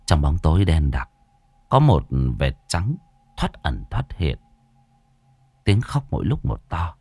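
Deep-voiced guy reading a ghost story, very lively delivery, dry close sound. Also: slow, slightly rough, no room sound. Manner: expressive, dramatic reading.

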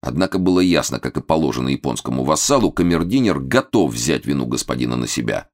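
A man narrating a novel with a very low, deep voice that still moves freely up and down. His reading is expressive and lively, shaping each sentence like storytelling. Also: fast talker. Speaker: audiobook narrator. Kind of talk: scripted narration.

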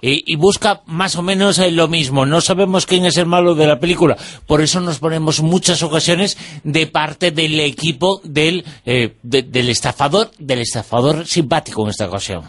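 A man's voice: on the high side, moderate pace, a bit bright, no echo. A man with a Spanish accent from Spain, hosting a radio interview in a discursive way with frequent fillers. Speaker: radio host.

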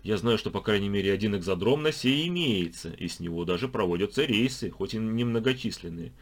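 A talkative old man who knows his way around, played by an audiobook reader, explaining in a folksy, chatty manner. The voice is low and somewhat husky, rising and falling with lively intonation. He grumbles at his companion now and then. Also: a little fast. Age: older. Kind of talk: audiobook character voice.

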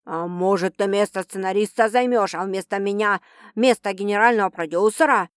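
A woman voicing a coarse, angry male producer who talks rough and scornful, in a spoken audiobook. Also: mid-range voice, normal speed, no echo, clean studio sound, voice pushed down, close to an everyday voice. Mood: mocking.

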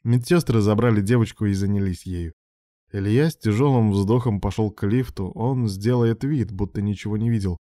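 A male narrator reads a romance story aloud in an even, measured way. His voice sits low, with a dark, mellow tone. The sound is dry and close to the mic. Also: dry recording. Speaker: audiobook narrator.

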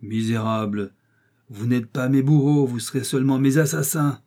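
A man's voice: fairly even intonation, moderate pace, warm tone, close to an everyday voice. A man voicing a brave detective who defies his captors in ringing, declamatory speech in an audiobook reading. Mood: defiant. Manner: ringing, declamatory, raised pitch. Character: defiant male detective, brave, indignant.

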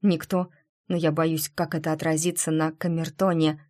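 A woman's voice: low-pitched, level tone, moderate pace, warm tone, natural voice. A woman voicing a flustered, shaken young female violinist.

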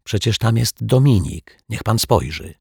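A man voicing a young girl sidekick in an audiobook, speaking in a hushed whisper. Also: lowish voice, lively intonation, a little slow, gravelly, breathy edge, no echo, studio quality, pitched above the performer's own voice, full character voice. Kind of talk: audiobook character voice.

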